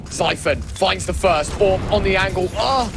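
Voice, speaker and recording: A man's voice: high voice, steady tone, moderate pace, music in the background. A man commentating live esports as a caster, dramatic and exclamatory, with vivid phrasing. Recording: clear game noise behind the voice.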